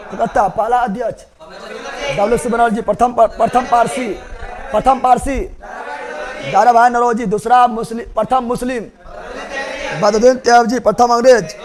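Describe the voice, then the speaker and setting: A man with a bright, high voice teaches history in a classroom, speaking. He repeats each name and date several times and keeps quizzing his students. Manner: drills facts by repetition, quizzes students.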